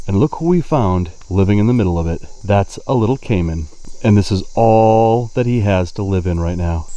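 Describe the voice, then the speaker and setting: A man hosting an outdoor wildlife vlog in an excitable, enthusiastic way, often repeating short phrases. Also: lowish voice. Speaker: wildlife video host. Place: outdoors in the wild by ponds. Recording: noisy outdoor recording with insect hum.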